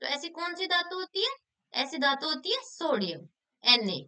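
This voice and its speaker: High, bright-voiced woman teacher. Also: sing-song, measured pace. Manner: asks questions then answers them herself; repeats key answers for emphasis. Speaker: exam-prep teacher. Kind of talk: explaining solved exam questions.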